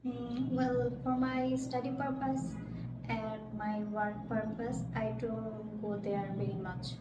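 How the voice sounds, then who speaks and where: A woman's voice: a little high, level tone, slow, muffled recording. A young woman from Bangladesh answering questions in a mock speaking exam, hesitant and searching for words with frequent fillers. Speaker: test candidate. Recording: echoey room, far from the mic, loud background noise.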